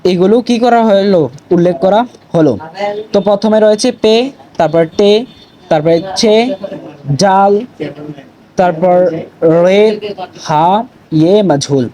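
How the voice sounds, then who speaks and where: A man's voice: high voice, mellow, rough recording. A man giving a recorded language lesson, patiently going through letters one by one, stressing pronunciation and asking viewers to repeat after him. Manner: patient, deliberate letter-by-letter teaching with frequent "to" fillers. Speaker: Urdu teacher.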